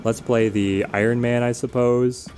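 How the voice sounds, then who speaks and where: A man streaming a game speaks a little slowly in a mid-range, level, slightly mellow voice. He offers casual live commentary, working through strategy aloud and replying to viewers, with music in the background.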